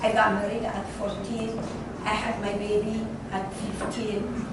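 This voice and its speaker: A woman in her sixties from Ethiopia speaks slowly and earnestly, circling back over her words as she asks her question. She sounds distant from the mic, and the room is very echoey with clear restaurant noise around her. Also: mid-range voice, level tone. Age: 60s. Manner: halting, repetitive, earnest phrasing. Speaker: audience member asking a question. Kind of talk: impassioned question from the floor. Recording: roomy, distant, noisy restaurant.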